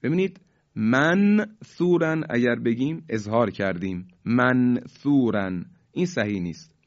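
Man, recitation teacher, formal and polite, slowly drawn-out examples, muffled lo-fi recording. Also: mid-range voice, sing-song, a little mellow. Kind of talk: tajweed lesson with recited examples. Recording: dull lo-fi recording.

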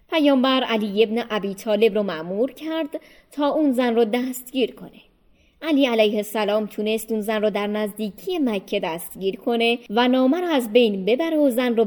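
A woman reading a story aloud in a plain, even storytelling voice. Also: on the high side. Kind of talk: scripted narration of a children's story.

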